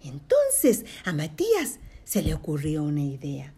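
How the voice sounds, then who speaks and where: Una mujer que lee un cuento infantil en voz alta, con pausas para dar consejos a los padres y susurros para crear suspenso. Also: female voice, low voice, breathy edge. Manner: expressive, switching to whispers for suspense. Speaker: storyteller for children. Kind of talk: reading a children's story aloud with tips for parents.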